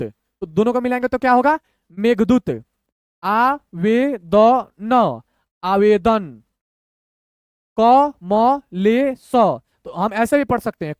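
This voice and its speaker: High-voiced man slowly spelling out Hindi syllables. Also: smooth, no room sound, clean studio sound. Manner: slow, patient, breaks words into syllables, repeats "thik hai". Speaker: Hindi reading teacher. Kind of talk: online lesson, syllable-by-syllable reading.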